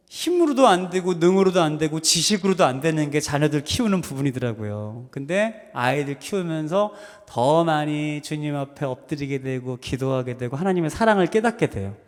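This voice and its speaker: High-voiced pastor in an echoing church. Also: male voice. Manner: warm storytelling with sudden loud bursts. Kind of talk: sermon. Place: church sanctuary. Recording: long hall reverb in a church.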